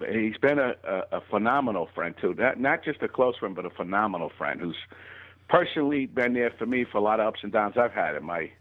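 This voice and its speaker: A man's voice: lowish voice, phone-quality sound. A man co-hosting a casual comedy talk show, effusive and loose, often breaking in with exclamations. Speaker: comedian co-host. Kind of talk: casual podcast chat.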